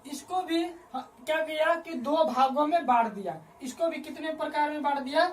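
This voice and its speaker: High-pitched woman teacher, slow repetitive dictation to a class, mic set back from her. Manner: repeats phrases slowly for students to write down; asks the class questions and answers them herself. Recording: voice picked up from a distance.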